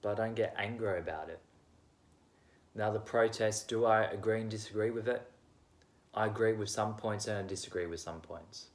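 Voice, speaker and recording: A young man vlogs from home in a fairly low voice at a normal speed. He gives his candid opinions in a casual monologue that rambles and pokes fun at himself.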